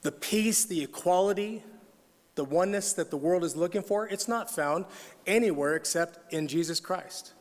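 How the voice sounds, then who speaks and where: A man's voice: sits high, moderate pace. A middle-aged man preaching at a conference, telling stories with humor and reading scripture. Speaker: conference speaker. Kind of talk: sermon. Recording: long hall reverb.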